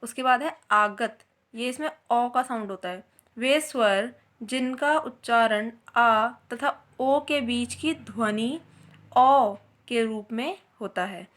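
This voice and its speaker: A woman's voice: a little high, takes it slowly, a bit bright. A woman teaching a Hindi grammar lesson, explaining step by step and answering her own questions as she goes.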